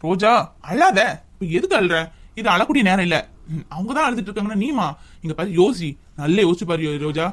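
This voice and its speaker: A man playing an earnest young husband in a home drama, talking fast in a high voice, urging and advising with steady concern. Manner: urgent, advising. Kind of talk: family drama skit.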